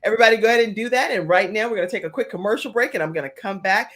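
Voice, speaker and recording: A woman's voice: mid-range voice, very fast, a bit bright. A woman hosting a live show as an upbeat, encouraging interviewer. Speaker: show host.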